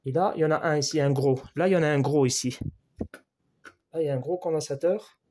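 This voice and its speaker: A man with a slightly high voice walks through a TV board repair in French, patient and talking right to the viewer. He repeats his main points as he measures, and his voice sometimes sinks quieter when he leans in over the board. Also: quick pace, slight background noise. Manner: explains step by step, addresses the viewer directly, repeats key points. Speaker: electronics repair instructor. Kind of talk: hands-on repair tutorial.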